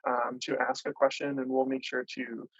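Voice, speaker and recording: A man hosting an online panel discussion, speaking with many pauses and filler sounds. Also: mid-range voice, flat delivery, no echo. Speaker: panel host. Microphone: video call. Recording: dull lo-fi video call audio.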